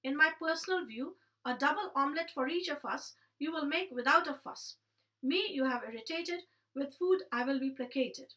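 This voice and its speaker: A woman with a high, sharply bright voice recites rhyming comic verse. Her delivery is theatrical and mock-indignant, and she stresses every rhyme. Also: normal speed, distant mic.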